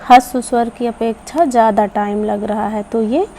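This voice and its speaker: A woman giving a patient grammar lesson to children, explaining slowly and repeating each point. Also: fairly high pitch, steady tone, warm tone, slight background noise. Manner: slow, patient explaining with repetition; addresses children. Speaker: Hindi teacher.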